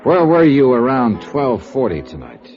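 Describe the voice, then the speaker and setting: A tough wry radio detective, lively intonation, clipped delivery, muffled old recording with music behind. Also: male voice, mid-range voice, moderate pace. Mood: probing, skeptical. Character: wry, hard-boiled male investigator narrating his case. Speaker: lead detective. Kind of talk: 1950s radio drama narration and dialogue.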